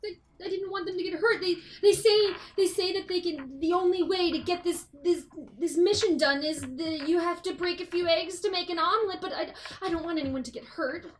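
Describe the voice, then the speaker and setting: A woman's voice: very high voice, expressive, normal speed, few pauses, bright, forceful tone, recorded from a distance, voice pushed up, exaggerated voice. A woman voicing a frightened, apologetic female culprit in a tabletop game, stammering and pleading defensively. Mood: anxious, pleading.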